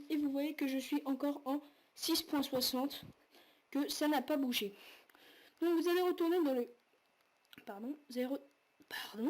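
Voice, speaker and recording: A woman hosting a casual tech tutorial, talking viewers through each step in a chatty way with lots of fillers and quick self-corrections. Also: high-pitched, darkish tone. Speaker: tutorial host.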